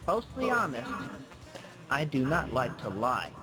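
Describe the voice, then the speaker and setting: A man's voice: medium pitch, huge pitch swings, a little slow, low-quality recording. A man reading his own scripted personal narration in an earnest, pleading way, listing his traits one by one. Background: music.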